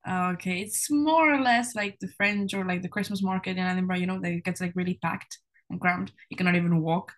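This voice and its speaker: Chatty young woman, slightly low voice. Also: a little fast. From Spain. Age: young adult. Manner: chatty, many "like" and "you know" fillers, laughs often. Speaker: guest, university student. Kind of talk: casual podcast interview.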